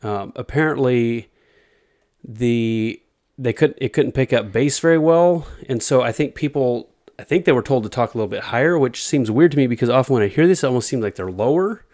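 Relaxed halting man chatting casually. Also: mid-range voice. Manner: relaxed, halting, many fillers and restarts. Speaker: host presenting research. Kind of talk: casual group chat.

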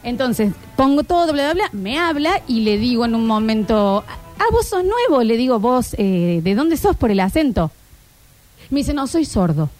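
A woman in her thirties with an Argentine accent, hosting a casual chat and telling stories in an animated way with many filler sounds. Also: on the high side, moderate pace, soft background music. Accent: Argentine Spanish. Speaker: streaming show host.

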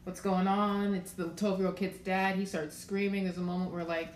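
A woman from Maryland chats as a guest on a casual podcast. Her voice sits low and she tells her stories in a relaxed, meandering way with lots of "like" and "um." The room is echoey, with a faint hiss behind her. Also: a little fast. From Maryland, USA. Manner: laid-back storyteller, full of filler words. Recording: roomy echo, faint background noise.

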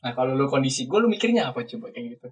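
A young man co-hosting a casual podcast, telling a story with sudden loud outbursts. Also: medium pitch, sing-song, very fast, slightly rough. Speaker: podcast co-host. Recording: distant mic in a room at home.

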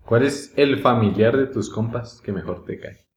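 A man's voice: medium pitch, normal speed, slight background noise. A young man with a Mexican accent talking casually with friends, full of slang and swearing. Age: young adult. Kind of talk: casual chat among friends. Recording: echoey room.

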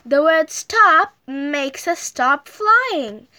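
A woman voicing an excited young female puppy with magic powers in a children's story. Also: high-pitched, very slow, full character voice.

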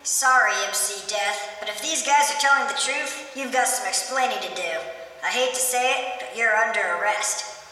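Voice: medium pitch, moderate pace, pushed and bright, lightly acted. A voice actor playing a starstruck but dutiful police officer in a homemade cartoon. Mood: firm. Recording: far off in an echoey hall.

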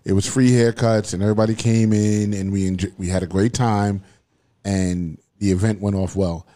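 A man's voice: on the low side, fairly even intonation, moderate pace. Sing-song New man hosting a show. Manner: sing-song, playful delivery with frequent shout-outs. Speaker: host. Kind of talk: casual talk show hosting. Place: studio.

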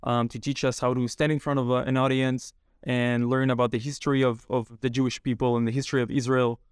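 A young man telling his story as a podcast guest in a measured way, with frequent pauses. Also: mid-range voice, flat delivery, clean tone, no echo, clean studio sound. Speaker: guest, army reservist. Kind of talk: interview answers.

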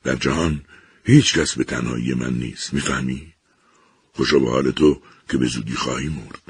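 A man voicing a lonely, bitter sentient machine that speaks slowly and gravely. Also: extremely low pitch, steady tone, no room sound, exaggerated voice. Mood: lonely, brooding.

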